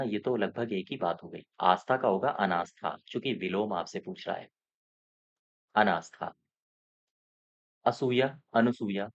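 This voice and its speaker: Lo-fi, low-voiced coaching teacher. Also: male voice. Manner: repeats key points, checks in with students often. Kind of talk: explaining mock test answers.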